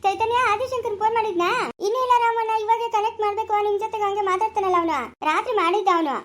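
A woman's voice: very high voice, steady tone, fast. A woman with a rural Chikkaballapur Kannada accent acting in a family skit, speaking in a pleading, reassuring way.

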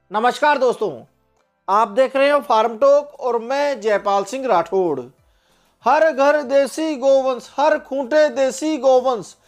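A man, hosting a livestock channel, presenting a cow for sale in a steady, promotional, explanatory voice-over. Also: very high voice.

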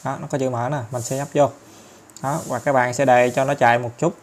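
A man with a Southern Vietnamese accent talking viewers through an app tutorial step by step, chatty and filling pauses often. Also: medium pitch, level tone. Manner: chatty, step-by-step, many fillers and tag particles. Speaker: tutorial host. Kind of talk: screen-recorded app tutorial.

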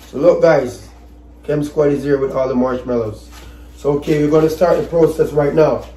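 A woman's voice: sits low, normal speed, mellow. A woman casually explaining a challenge to the camera as host. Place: home kitchen. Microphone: camera across a table. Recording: echoey room.

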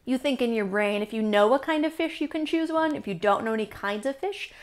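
A woman teaching yoga to young children, playful and silly, with sudden high exclamations. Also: fairly quick. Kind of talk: guided kids' yoga lesson.

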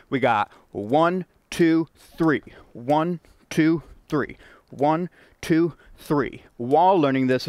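A young man coaching jump rope rhythms, upbeat and playful, counting beats out loud as he demonstrates. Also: on the high side, dry recording. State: out of breath at times. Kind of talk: instructional video demo.

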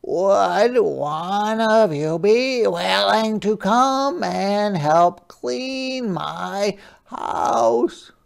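A reader voicing a polite, gentle young male hermit crab in a storybook, with a slow, eager, wide-eyed delivery. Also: medium pitch, creaky, clear, resonant tone, pitched above the performer's own voice, full character voice. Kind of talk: storybook character voice.

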